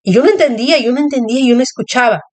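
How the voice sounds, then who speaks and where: A woman's voice: fairly high pitch, rapid-fire. A woman preaching a sermon, sharing personal testimony in an earnest, repetitive way and speaking directly to her listeners.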